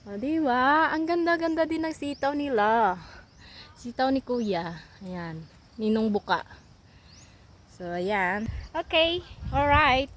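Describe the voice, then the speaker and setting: Slow-talking young woman vlogger. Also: high voice, expressive, a bit bright, slight background noise. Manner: slow, repetitive pointing-out, chatty with viewers. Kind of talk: casual walking tour vlog. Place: outdoor vegetable farm.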